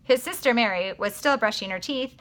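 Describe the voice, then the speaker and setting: A woman, a teacher, reading a children's book aloud in an expressive, animated way. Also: fairly high pitch, a little fast.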